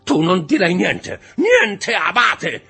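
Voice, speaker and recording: A man's voice: mid-range voice, wildly swooping pitch, moderate pace, fairly bright tone, husky, pitched above the performer's own voice, full character voice. A man voicing a cowardly male bandit who stammers, whines and pleads. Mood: furious.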